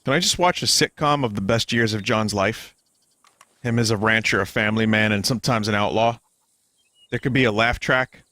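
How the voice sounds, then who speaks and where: A man's voice: fairly low pitch, fairly quick, bright, forceful tone, no room sound. A man giving casual, joking commentary while streaming a game, often swearing. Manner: joking, profane, mock voices.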